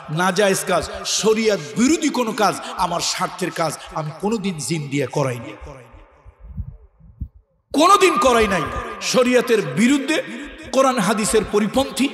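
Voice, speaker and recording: A man preaching a sermon with a Bangladeshi regional accent, emphatic and building to loud repeated lists. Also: sits high. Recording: echoey hall, reverb.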